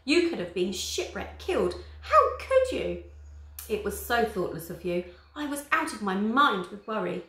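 A woman's voice: big pitch swings, measured pace, a bit bright. A woman reading aloud and voicing a fretful Roman mother who moans with worry. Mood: fretting. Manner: moaning, shrill. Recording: roomy echo.

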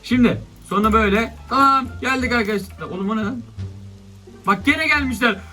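A young man with a Turkish accent giving excitable Minecraft let's-play commentary, breaking into exasperated outbursts at attacking monsters. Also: very high-pitched, brisk, soft background music. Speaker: gaming YouTuber.

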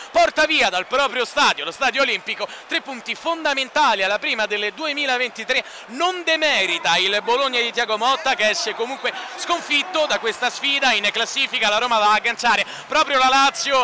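High-pitched man calling football, fast and crisp. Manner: excited, emphatic delivery. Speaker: radio football commentator. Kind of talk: live radio match commentary, Italian. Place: football stadium, commentary position. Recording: outdoor stadium ambience noise. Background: faint stadium ambience.

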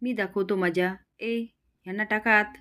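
A woman's voice: mid-range voice, fairly even intonation, unhurried, fairly bright tone, natural voice. A stern police inspector barking orders, read by a woman. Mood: commanding.

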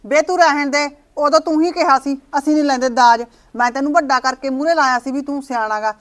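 An actress playing a sharp-tongued mother-in-law who nags and scolds her daughter-in-law, in a village short-film drama. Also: high-pitched, quick pace. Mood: scolding. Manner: scolding, nagging.

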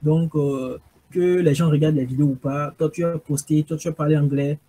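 A man's voice: on the high side, little pitch movement, fairly quick, mellow. A man with a Beninese French accent hosting an interview, asking curious, teasing questions. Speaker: interviewer host.

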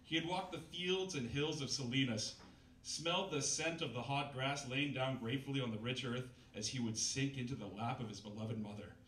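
His voice medium in pitch, moderately paced and fairly bright, a man in his thirties reads aloud from a novel before a live audience at a bistro comedy reading night. He plays it mock-dramatic, with wry asides, at a stand mic captured by a far-off camera, giving roomy, distant sound and faint noise.

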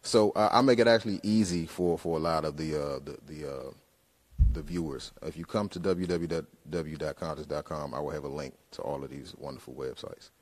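A man's voice: very deep voice, brisk. A man in his thirties, a rapper, talking into a handheld mic on a concert hall stage and then rapping in punchy rhythm. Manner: relaxed talk trailing off quiet, then punchy rhythmic rap. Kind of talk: interview answers, then rapping over live winds. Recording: live music in a hall.

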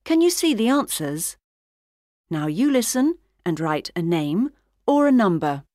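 A woman reads exam instructions at a slow pace. Her mid-pitched voice has lively intonation and careful enunciation, recorded dry. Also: no room sound. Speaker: test announcer.

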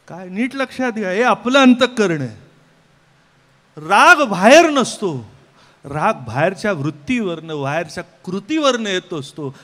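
High-voiced man preaching slowly. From Mumbai, India. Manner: rhetorical, keeps asking "kay", swings between soft and loud. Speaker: kirtan preacher. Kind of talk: devotional kirtan sermon.

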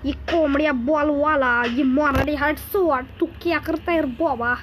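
A man voicing an excitable male cartoon cat who chatters through gameplay commentary, boastful and calling everyone brother. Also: very high voice, unhurried, slight background noise, poor audio. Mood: excited chatter. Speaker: gaming video host.

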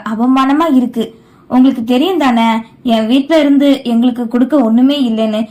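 Woman as middle-aged aunt, anxious, pleading, high voice. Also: darkish tone, close to an everyday voice.

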